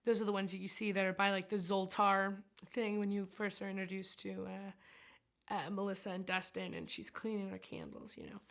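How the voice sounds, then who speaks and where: A woman's voice: medium pitch, level tone, brisk. A woman chatting casually about making her film, giggly and rambling with plenty of fillers. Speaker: actress and set designer interviewed about her film. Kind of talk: casual chat.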